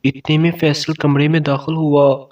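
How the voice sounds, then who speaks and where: Man narrating a story, flat and distant. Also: a little high. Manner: steady, even storytelling delivery. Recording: dull, distant mic sound.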